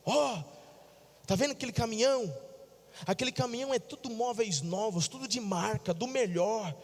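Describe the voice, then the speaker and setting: A man's voice: high voice, normal speed. A man with a Brazilian accent voicing a grown daughter who pleads with her father, stammering and repeating herself, in a reverberant church hall. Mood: pleading.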